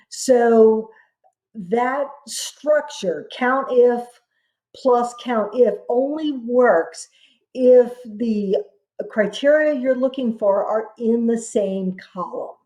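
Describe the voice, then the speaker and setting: A woman instructor narrating a software tutorial step by step, dictating what gets typed piece by piece. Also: on the high side, rough recording.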